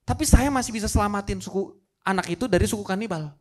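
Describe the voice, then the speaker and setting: A man's voice: sits high, fast, voice pushed up, natural voice. A man voicing a grieving old king who sentences his own son, shifting between pleading and stern. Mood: anguished.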